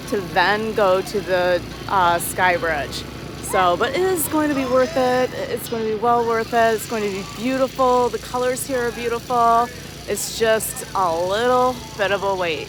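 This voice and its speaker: A woman's voice: a little high, rough recording. Chatty woman vlogging outdoors. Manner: chatty, exclaiming. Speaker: travel vlogger. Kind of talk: casual narration of an outing to camera. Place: outdoors at a mountain resort.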